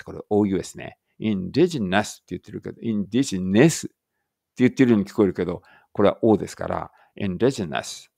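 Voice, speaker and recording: A man with a low, gravelly voice runs a relaxed read-aloud English lesson. He thinks out loud and corrects himself as he goes, then reads each English line slowly and carefully. His voice sounds close and dry, with no room around it. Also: dry recording. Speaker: English teacher.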